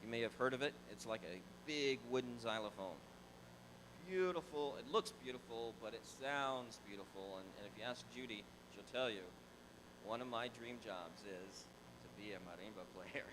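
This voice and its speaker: A middle-aged pastor from Tallahassee, Florida, tells a personal story to his congregation in a large church sanctuary, speaking into a handheld mic. His fairly low voice moves at normal speed, animated and conversational, with repeated words and restarts, over background noise.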